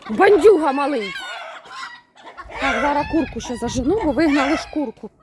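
A woman's voice: high-pitched, fast. A woman vlogging casually outdoors in her farmyard, chatting to viewers and scolding and shooing her poultry with laughs. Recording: outdoor video with loud farmyard noise. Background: chickens, roosters and fowl clucking and crowing.

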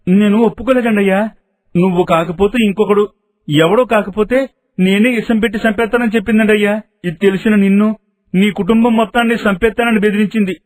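A man voicing a loyal, humble middle-aged servant in an animated storybook, pleading and deferential. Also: sits high, close to an everyday voice.

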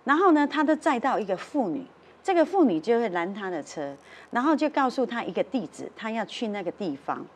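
A woman's voice: a little high, big pitch swings, a little fast, breathy edge. A woman with a Taiwanese accent telling a story on a talk show, acting out the voices of the people in it. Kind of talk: animated storytelling. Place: television studio.

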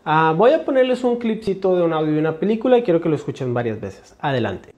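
Profesor mexicano explicando fonética. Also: male voice, on the high side, big pitch swings, fast talker, darkish tone, lo-fi sound. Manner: explanatory, repeats examples, addresses class as señores. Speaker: English teacher. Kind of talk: phonetics lesson.

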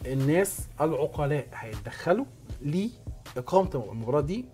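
Brief: male Egyptian sports host, somewhat high voice, emphatic explainer, faint music underneath. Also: sing-song, fairly quick, dark tone. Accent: Egyptian Arabic. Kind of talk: sports talk show discussion.

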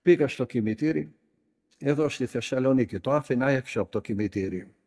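A man, a monk, preaching a sermon, telling stories in a lively and emphatic way and sometimes scolding his listeners. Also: mid-range voice. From Greece.

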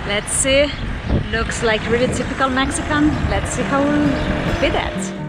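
A woman's voice: high-pitched, unhurried. A woman in her thirties, a travel vlogger filming herself at arm's length outdoors and in a truck, chatting casually in slightly non-native English. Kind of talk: casual travel vlog narration. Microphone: camera held at arm's length. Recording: vlog audio under loud music. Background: loud background music.

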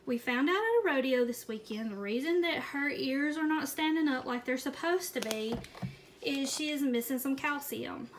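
A chatty middle-aged woman talks casually to her viewers as she holds up items at home, laughing now and then. Her voice sits a little high. It is recorded on a handheld phone, and heavy noise runs behind her the whole time. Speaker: vlogger showing a grocery haul. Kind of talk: casual chat. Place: indoors at home, camera pointed at groceries. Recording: loud background noise.

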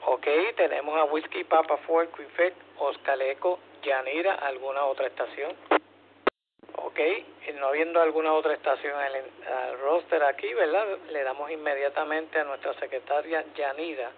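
A man's voice: on the high side, fairly even intonation, normal speed. A man with a Puerto Rican accent running an amateur radio net, explaining informally in short phrases with frequent questioning tags, over two-way radio. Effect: two-way radio transmission. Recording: phone-like narrowband radio, hum, faint noise.

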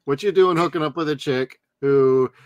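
A man talking through a movie with a co-host, blunt and loaded with profanity, slipping into mocking impressions of characters. His voice sits a little high for a man and the sound is close and dry, with no room around it. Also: moderate pace, no echo. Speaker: podcast co-host. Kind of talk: casual film review chat.

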